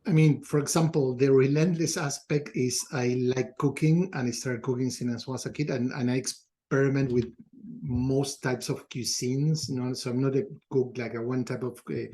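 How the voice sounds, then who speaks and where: A middle-aged Argentine man, a culture consultant appearing as a podcast guest, answers reflectively and conversationally in an Argentine Spanish accent. His mid-range voice is warm, with fairly even intonation and a moderate pace.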